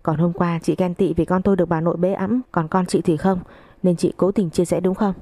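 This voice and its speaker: A woman's voice: on the low side, fairly even intonation, a little fast, mellow, dry recording, clean studio sound, close to an everyday voice. A woman reading the part of a hurt, furious young wife who accuses and sobs, in a storybook narration. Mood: accusing. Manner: accusing, tearful.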